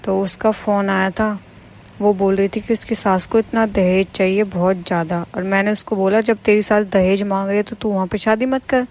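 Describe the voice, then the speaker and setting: A defiant, boastful young daughter-in-law, voiced by a woman in a home-drama cartoon. She talks back in a mid-pitched voice and lectures in a pushy, self-assured way. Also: steady tone, moderate pace, a little mellow, natural voice. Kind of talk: animated cartoon voice acting.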